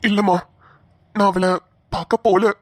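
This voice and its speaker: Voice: mid-range voice, level tone, a little slow, a little hiss or hum, lightly acted. A voice actor playing an earnest, principled young husband in a cartoon, speaking colloquial Tamil Nadu Tamil. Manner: earnest, questioning, firm.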